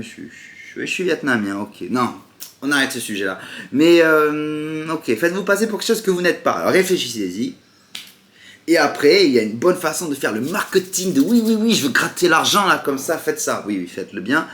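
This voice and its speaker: A man's voice: medium pitch, echoey room. A man from the south of France with a southern French accent, rambling sarcastically in a casual monologue to camera. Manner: sarcastic, rambling, jumps into mock voices. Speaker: vlogger.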